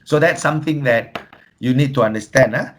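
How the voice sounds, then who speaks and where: A man's voice: mid-range voice, a little fast, slight background noise. A man with a Malaysian English accent presenting a workshop, telling humorous anecdotes and slipping in Malay phrases. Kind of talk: lively teaching talk.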